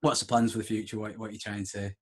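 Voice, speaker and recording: A man's voice: on the low side, level tone, very fast, fairly bright tone, breathy edge. A man in his thirties hosting a podcast, rambling and self-mocking, laughing often. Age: 30s. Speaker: podcast host. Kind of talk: casual podcast chat.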